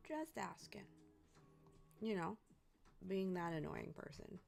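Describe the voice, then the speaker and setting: A woman chats her way through a cozy craft livestream, playful and a little rambling. Her voice is slow and gravelly with plenty of fry, and faint music plays behind her. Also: on the low side, very animated, a little mellow. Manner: chatty, playful, talks while eating. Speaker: livestream host. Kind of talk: casual livestream chat. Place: home craft desk.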